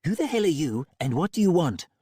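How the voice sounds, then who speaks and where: A woman's voice: low voice, sing-song, a little fast, warm tone, husky, dry recording, studio quality, voice pushed up, heavily acted. A man voicing a brash tough-talking woman. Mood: brusque. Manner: brusque, defiant. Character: tough brash woman alias, hard-edged.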